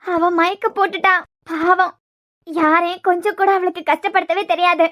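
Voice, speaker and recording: A woman doing a shrill, melodramatic young man. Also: fairly even intonation, moderate pace, a bit bright. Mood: fretting. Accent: Kanyakumari Tamil. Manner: wailing, melodramatic. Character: overwrought young man fussing over his friend. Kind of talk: cartoon web series voice acting.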